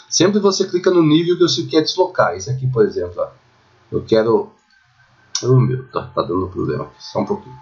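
A man with a Brazilian accent teaching architecture software in a screen-recorded tutorial. He talks in a chatty way and keeps checking in with the viewer. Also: on the low side, muffled recording. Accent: Brazilian Portuguese.

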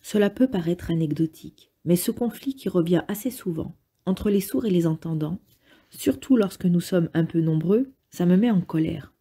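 A woman reading a memoir aloud in the first person, calm and measured. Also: on the low side, husky. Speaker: reader.

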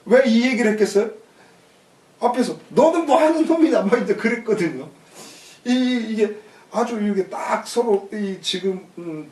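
A man with a high, lively voice teaches a classical text phrase by phrase, recasting each line in plain talk. He is recorded from a distance in an echoey room. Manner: glosses each phrase, then restates it in plain everyday speech. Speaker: teacher of classical Chinese texts. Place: room in a rural community shelter. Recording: echoey room, mic far off.

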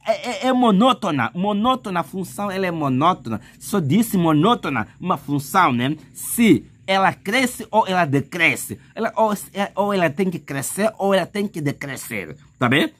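Higher-voiced male math teacher, chatty. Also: big pitch swings, moderate pace, hardly any pauses, fairly bright tone. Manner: chatty, addresses viewer as "meu irmão"; repetitive, thinks aloud with fillers. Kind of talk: math lesson walkthrough.

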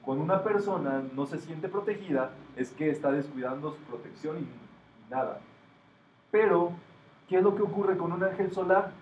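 A man teaches a classroom group, explaining ideas and putting questions to his listeners. His voice sits a little high for a man. The recording is taken from a distance in an echoey room, sounding dull with a faint hiss. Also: moderate pace, darkish tone. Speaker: metaphysics teacher. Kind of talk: classroom talk to students.

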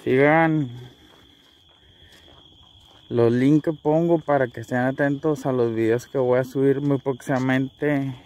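A man's voice: mid-range voice, fairly even intonation, takes it slowly, long pauses, darkish tone. A Mexican man speaking casually as he hosts a night exploration vlog outdoors. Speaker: vlog host. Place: outdoors at night in the countryside and a cemetery. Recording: noisy outdoor night recording with insects. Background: crickets and night ambience.

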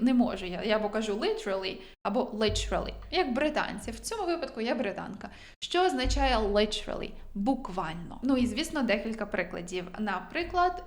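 A young woman who speaks Ukrainian as her first language teaches English words in a relaxed, chatty way, poking fun at her own pronunciation. Her voice sits a little high, and she slows right down whenever she reads an English example. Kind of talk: vocabulary lesson.

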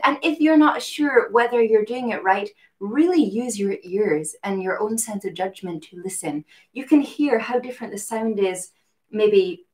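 Gentle woman teaching harp live. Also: medium pitch. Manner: gentle, encouraging, reads out viewer comments. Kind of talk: live-streamed music lesson.

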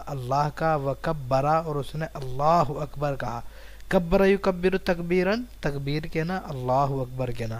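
A man from India teaching an Arabic reading lesson in Urdu. He reads the Arabic words slowly and then glosses and repeats each one. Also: on the high side.

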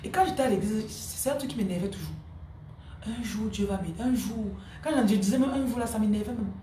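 A woman's voice: medium pitch, brisk, mellow, reverberant, a little hiss or hum. A woman spiritual coach giving a live-streamed spiritual teaching, emphatic and repeating her key phrases, answering viewers' comments by name.

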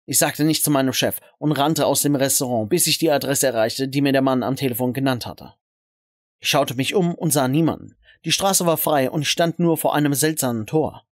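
A young man narrating an animated storytime with an expressive, emotional telling in a dry close voice-over. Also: mid-range voice, brisk, no room sound.

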